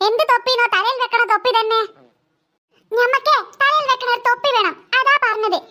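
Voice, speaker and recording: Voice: very high-pitched, a little fast, sharp tone. A performer voicing a stubborn little boy who demands a cap, whiny and pleading, with a Malabar Malayalam accent. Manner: whiny, pleading, wails when hurt.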